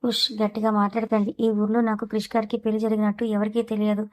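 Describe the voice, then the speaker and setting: A woman's voice: medium pitch, completely flat delivery, rapid-fire, a little mellow, lightly acted. A woman reading a storybook voices a shy, innocent young married woman who speaks politely and coyly.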